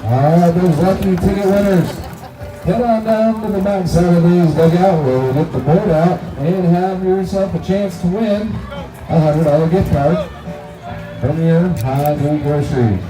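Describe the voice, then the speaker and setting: A man's voice: high voice, a little slow, distant mic. A man working as a stadium announcer, addressing the crowd at a baseball park in an encouraging, folksy way. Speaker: stadium public-address announcer and contest host. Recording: echoey stadium PA, music, crowd noise.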